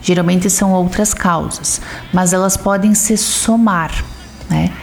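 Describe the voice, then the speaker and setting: Woman doctor, low flat delivery, explanatory, faint music behind. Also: unhurried, creaky. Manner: explanatory, listing symptoms. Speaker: vascular doctor. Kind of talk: interview answers.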